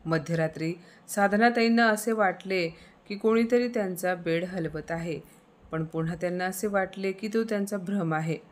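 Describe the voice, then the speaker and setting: A woman narrating a moral story in a steady, dramatic reading style. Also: fairly low pitch, normal speed.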